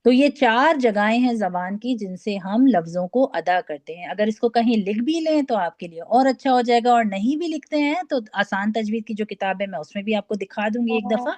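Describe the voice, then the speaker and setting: A woman teaching recitation over a video call, speaking patiently, demonstrating sounds slowly and checking that students follow. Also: a little high, lively intonation, darkish tone, no echo. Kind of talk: online class lesson.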